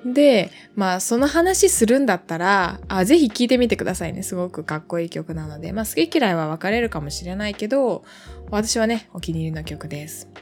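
A woman's voice: medium pitch, animated, a little fast, faint music behind. A woman in her twenties hosting a casual solo podcast, chatting in a rambling way with lots of fillers and asides. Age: 20s. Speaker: podcast host.

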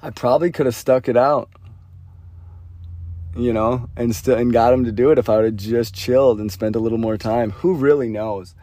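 A man hosting his own podcast, talking through his thoughts in a rambling, earnest way, with many fillers and sentences that trail off quietly. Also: mid-range voice, steady tone, normal speed, dry recording. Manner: earnest, thinks aloud about faith. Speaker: podcast host. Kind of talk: reflective solo monologue.

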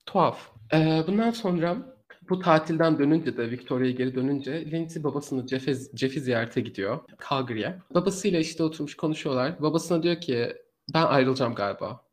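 A man co-hosting a casual true crime podcast, telling the story in an animated way and laughing often. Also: fairly high pitch, brisk, hardly any pauses.

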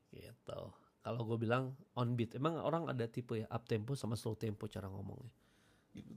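Casual low-voiced radio man. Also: a little mellow. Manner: casual, mixes English phrases, clears throat often. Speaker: radio announcer giving tips. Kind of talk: casual Jakarta-slang talk.

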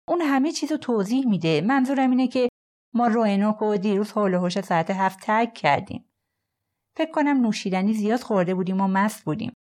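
A woman voicing a panicked man under arrest, pleading and shouting desperately in a storybook reading. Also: medium pitch, voice pushed up, lightly acted. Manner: frantic, pleading, loud.

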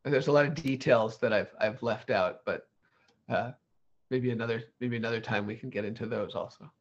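The same kind of guest, a man who lectures in legal English, talks through his career at a fairly quick clip in a medium pitch. He keeps restarting and revising his words as he thinks, in an easygoing interview captured with dull audio.

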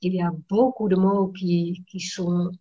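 A woman's voice: lowish voice, steady tone, measured pace, mellow, husky, lo-fi sound. A Dutch-native woman and language teacher chatting casually in French, searching for words and slipping in English yeahs. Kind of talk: casual chat.

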